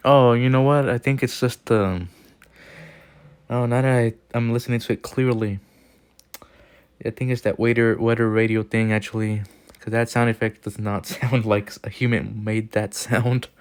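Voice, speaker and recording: A man's voice: medium pitch, steady tone, moderate pace, clear, resonant tone, no room sound. Laid-back man chuckling through reactions. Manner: chuckles often, loose and joking. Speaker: host of a railfan video reaction channel. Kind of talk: casual reaction commentary.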